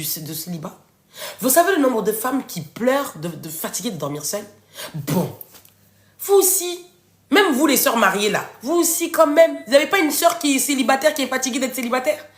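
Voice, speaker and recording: A woman hosting a casual live stream, giving relationship advice and answering viewers' comments in an expressive way. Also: on the high side. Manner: animated and expressive, addresses viewers directly and answers chat. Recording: echoey room.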